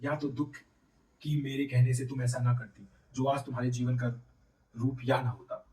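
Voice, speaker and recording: A man voicing an earnest village man, anxious and easily excited, in a read-aloud play, recorded in a roomy space away from the mic. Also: mid-range voice, moderate pace, far from the mic, close to an everyday voice.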